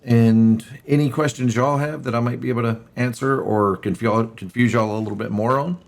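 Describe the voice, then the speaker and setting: A man's voice: mid-range voice, fairly even intonation, brisk, gravelly. A man hosting and narrating a tabletop game as game master, talking casually with plenty of fillers and laughs.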